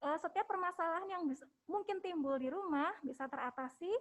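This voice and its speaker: A woman with an Indonesian accent and a high voice gives a webinar talk to parents. She speaks gently and coaxingly, often closing her phrases with a soft "ya". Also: brisk. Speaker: hospital health educator.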